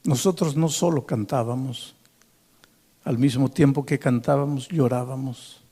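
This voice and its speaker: A preacher gives voice to a young woman from the church choir. She speaks with calm, earnest conviction. She is plainly grieving. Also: mid-range voice, a little slow, breathy edge, big-room sound. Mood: earnest consoling.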